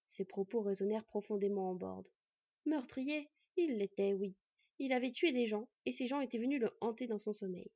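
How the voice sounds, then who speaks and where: Breathy woman narrating a storybook. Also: on the high side, normal speed, mellow, dry recording, muffled recording. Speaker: audiobook narrator.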